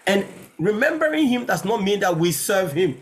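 A preacher giving a sermon over a video call, emphatic, often repeating words as lines start and swinging between high exclamations and low asides. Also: big pitch swings, moderate pace, crowd noise.

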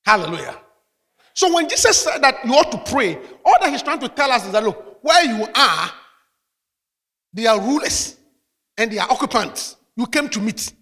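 A man preaching to his congregation in a high, animated voice that rises and falls as he drives each point home. His bright tone rings out through a church hall with a long reverb, and he punctuates his teaching with calls of hallelujah. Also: moderate pace, husky. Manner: preaching with call-outs of hallelujah. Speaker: pastor. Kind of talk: sermon.

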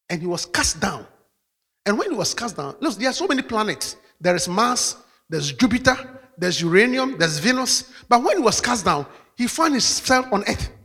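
A man's voice: sits high, pushed and bright, husky, big-room sound. A man preaching a sermon as pastor, calling out hallelujah between points. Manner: preaching with call-outs of hallelujah.

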